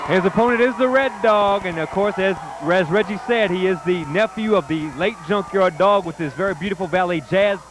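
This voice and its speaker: A man's voice: high-pitched, fairly quick, few pauses, noisy background. A man giving live wrestling commentary from ringside in an enthusiastic, emphatic way.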